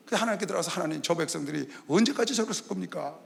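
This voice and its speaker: Animated Korean pastor preaching in an arena. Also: male voice, rapid-fire, gravelly. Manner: animated preaching, acting out God and Moses in lower voices. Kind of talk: sermon. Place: large indoor arena hall. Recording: long reverb of a large arena hall.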